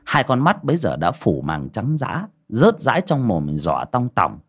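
A man's voice: medium pitch, wildly swooping pitch, normal speed, slightly rough. A man narrating a horror audiobook with dramatic storytelling. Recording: faint background music.

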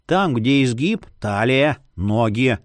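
A man's voice: medium pitch, animated, slow, no room sound, clean studio sound. A man voicing a chatty, nosy male ghost in an audiobook, speaking in a teasing, wry way.

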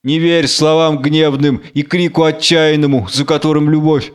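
A fierce, bitter blind woman delivers slow, solemn reproaches, as a man reading a play puts her on. The tone is grave and accusing. The voice is clear and slightly high. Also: little pitch movement, lightly acted.

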